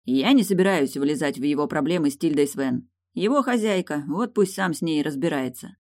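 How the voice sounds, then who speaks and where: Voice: mid-range voice, expressive, fairly quick, darkish tone, close to an everyday voice. A single reader voicing a tired husband, exasperated and fed up with his brother, in audiobook style.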